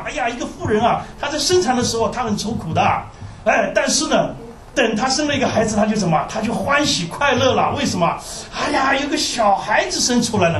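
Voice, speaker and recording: In a roomy hall, captured from afar with a little hiss or hum, a man whose voice sits high delivers a lively sermon. He keeps posing rhetorical questions and letting out sighing interjections.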